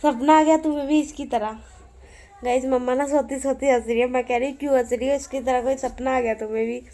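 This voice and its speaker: A woman's voice: sits high, fairly even intonation, brisk, warm tone. A young woman chatting casually to her viewers in a family vlog at home, rambling through stories and cooing to a baby now and then. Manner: chatty, rambling storytelling, coos to a baby in between. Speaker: family vlogger.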